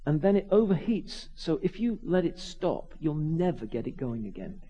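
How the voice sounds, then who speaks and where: A man preaches as he tells a personal story, his voice high for a man and swooping through a wide, lively range. He acts out every character and stumbles over restarts as the story runs away with him. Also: moderate pace, husky. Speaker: vicar. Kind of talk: storytelling sermon.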